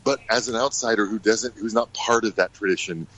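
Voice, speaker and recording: A middle-aged American man, a ballet director, answering questions in a radio interview, halting with many fillers and restarts. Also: lowish voice, fairly bright tone, low-quality recording. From United States.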